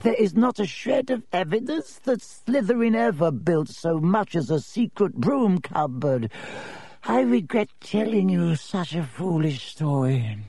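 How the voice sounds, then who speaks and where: A man voicing an old male ghost history professor with a dry, reedy voice and a slow, pedantic, dismissive way of lecturing. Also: high-pitched, big pitch swings, vocal fry, warm tone, slightly rough, no echo, pitched above the performer's own voice, heavily acted. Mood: irritated.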